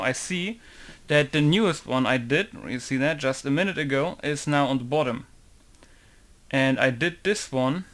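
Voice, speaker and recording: Rambling through a casual screen-recorded game modding tutorial, a man thinks aloud and keeps reaching for filler words such as "basically" and "right?". His voice is medium in pitch and a bit bright.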